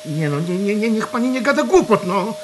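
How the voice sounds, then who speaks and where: A man's voice: sits high, sing-song, fairly quick, a little hiss or hum. An actor playing a hungover, bewildered office man, groggy and stammering, in an audio drama. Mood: groggy, alarmed. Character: hungover, bewildered office man waking after a drinking binge.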